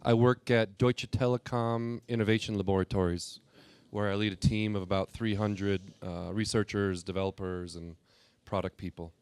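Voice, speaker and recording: Research lab head: a man with a clear, lowish voice and a relaxed manner. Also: normal speed. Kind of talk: panel self-introduction.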